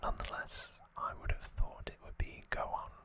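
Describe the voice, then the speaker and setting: Soft and breathy, an ASMR host murmurs a laid-back recap. There's no hurry to it, and casual asides slip in throughout.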